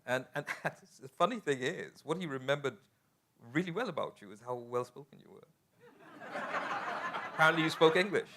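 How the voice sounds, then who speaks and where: A man's voice: a little high, animated, normal speed, long pauses, pushed and bright, a little hiss or hum. A man interviewing a guest, asking conversational questions and often repeating his opening words.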